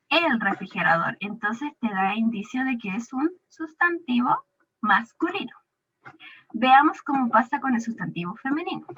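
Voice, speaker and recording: A woman's voice: a little high, sharp tone, slightly rough. A woman teacher giving a recorded grammar lesson to a young pupil, patiently drawing out the example words. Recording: dull lo-fi recording.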